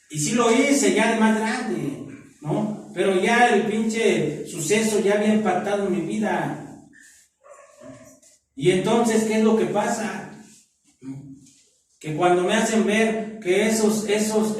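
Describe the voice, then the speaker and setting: At a support group meeting, a middle-aged Mexican man with a high-sitting voice shares his testimony, speaking roughly and with profanity. Nearly every phrase ends with "¿no?" or "¿verdad?". He's far from the mic in an echoey room.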